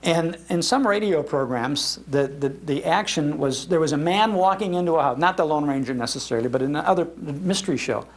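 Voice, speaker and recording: This older American man, talking about old-time radio at a public library, moves a little fast and hardly pauses at all. His voice is a little high, and his storytelling is nostalgic and enthusiastic, with quoted lines acted out.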